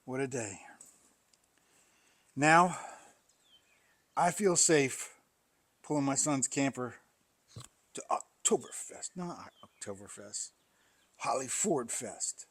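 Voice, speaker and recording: A man's voice: mid-range voice, expressive, takes it slowly, long pauses, fairly bright tone, slightly rough, no echo. Rambling folksy man in his shop. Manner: rambling, folksy, frequent sighs and coughs. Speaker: pastor and welder, channel host. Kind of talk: casual shop vlog. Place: workshop.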